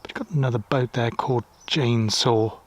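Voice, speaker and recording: Walking beside a river and a busy road, a Gloucestershire man with a local accent vlogs casually, rambling and restarting now and then. His voice is medium in pitch at a normal speed, with faint road and weir noise in the background.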